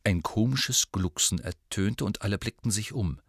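A man reading a story aloud in steady scripted narration. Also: lowish voice, moderate pace, no room sound, clean studio sound. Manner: steady storytelling with voiced dialogue. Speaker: audiobook reader.

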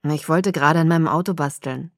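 Woman doing a husky, easygoing teenage boy. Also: fairly quick, no room sound, studio quality. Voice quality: slightly husky, lowered voice. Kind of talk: audiobook character voice.

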